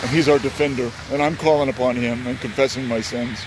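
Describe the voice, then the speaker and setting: A man's voice: medium pitch, fairly even intonation, quick pace. Devout man interviewing on a street. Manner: affirming, repeats the answers back, devout. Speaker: interviewer and channel host. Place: outdoors on a snowy street. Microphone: handheld camera. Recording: street traffic noise. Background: traffic.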